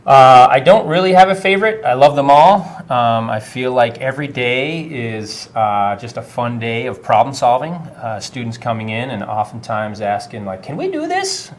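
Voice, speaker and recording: A man's voice: medium pitch, big pitch swings, moderate pace, few pauses. Chatty middle-aged man from Vermont. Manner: friendly, many filler uhs. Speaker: high school technology teacher. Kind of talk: casual interview answers.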